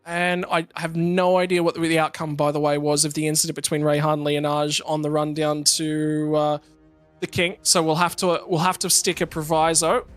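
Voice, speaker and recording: Man, lead race commentator, slightly high voice, brisk results rundown. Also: little pitch movement, smooth, dry recording, soft background music. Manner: brisk, rattles through results lists. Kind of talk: sim racing broadcast commentary.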